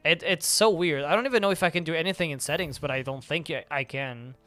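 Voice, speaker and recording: Young guy streaming, rambles with "like" a lot, bright clear voice, quiet game music behind. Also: fairly high pitch, fast talker. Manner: rambling, full of "like" fillers. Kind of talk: casual live-stream chat. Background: faint game music.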